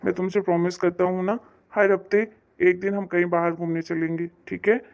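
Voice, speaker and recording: Cartoon young husband, dutiful, low and flat, lo-fi sound, a woman acting him. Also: a little fast, lightly acted.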